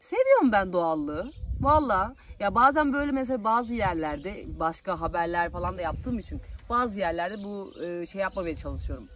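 A woman's voice: mid-range voice, sing-song, moderate pace, hardly any pauses. A young woman from Aydın with an Aegean Turkish accent, a TV field reporter chatting casually as she answers followers' questions with plenty of fillers. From Aydın, Turkey. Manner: chatty, homely, loose with fillers.

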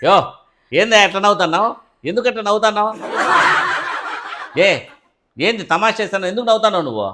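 A young man with a high voice barks quick, short-tempered scoldings in a comedy skit. His talk is rapid and gruff, full of impatient orders. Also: lively intonation, heavy background noise. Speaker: comedy sketch actor playing a short husband.

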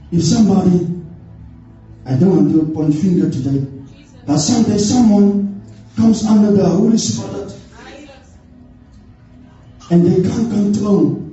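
A middle-aged church elder delivers an earnest sermon with frequent "amen" interjections from a stage in an indoor church hall. His high, mellow voice moves at a measured pace with long pauses over soft background music. Recorded far from the camera, it sounds muffled and echoey.

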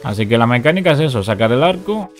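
With faint music playing behind, a man who makes gaming videos on YouTube walks viewers through a game glitch in casual commentary. His mid-range voice is expressive and quick as he goes step by step, repeating short commands.

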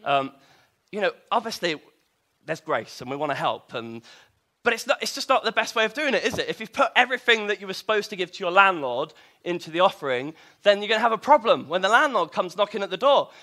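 Male preacher, high and bright, chatty sermon full of rhetorical questions. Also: very animated, fast.

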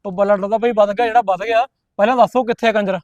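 A hot-headed young Punjabi village brother, played by a man blusters and throws out threats. His voice sits high and the words come rapid-fire. The sound is close and dry. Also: fairly even intonation, darkish tone, no room sound, dull audio, close to an everyday voice. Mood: angry. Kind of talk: village comedy film acting.

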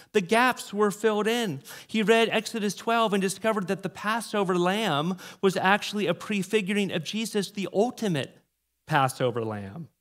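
A middle-aged American man preaching a sermon from a church stage into a handheld mic, telling stories with animated emphasis on key words. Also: sits high. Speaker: pastor.

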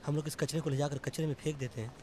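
An actor playing a naive, jumpy young theatre worker in a comedy film, eager and quick to protest. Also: male voice, fairly high pitch, fairly even intonation, a little mellow, soft background music, close to an everyday voice. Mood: excited.

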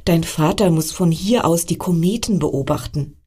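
A woman's voice: lowish voice, moderate pace, dark tone, husky. A woman voicing a tired, overworked mother star in a storybook tale, sighing as she speaks. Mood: weary. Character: weary busy mother star.

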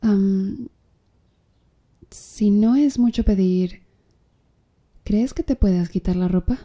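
In an ASMR roleplay, a woman takes on the role of a flirty tattoo artist who speaks slowly, in a dark, mellow voice of medium pitch. She breathily and softly teases her client, confident and easygoing, with little laughs.

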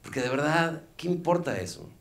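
A man's voice: fairly high pitch, big pitch swings, a little fast, gravelly. A man with a Mexican accent doing a live stand-up set on a club stage, loose and slangy with mocking asides, into a handheld mic. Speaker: stand-up comedian.

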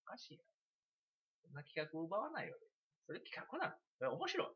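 Lively Kansai man rambling on stream. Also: a little high, fairly quick, lo-fi sound. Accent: Kansai Japanese. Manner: chatty, animated, giggling asides. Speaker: livestreamer. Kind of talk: casual rambling storytelling.

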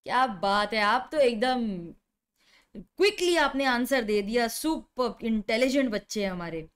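A woman's voice: fairly high pitch, lively intonation, measured pace, clear, resonant tone. A woman in her thirties with an Indian accent, giving a video lecture as a commerce teacher and acting out little scenes with her students. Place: indoor studio.

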